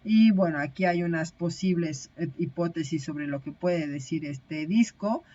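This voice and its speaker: A woman's voice: lowish voice, measured pace, warm tone, lo-fi sound. A woman teaching a recorded online lecture, explaining step by step with frequent hesitations and self-corrections.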